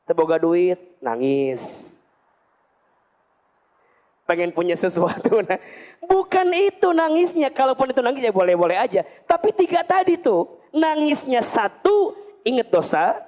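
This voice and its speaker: A male preacher with a Sundanese accent gives an emotive sermon, with regional words running through his speech. His pitch swings widely from line to line. He often acts out heartfelt prayers as he talks. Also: sing-song, normal speed, a little mellow. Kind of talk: sermon to a women's study group.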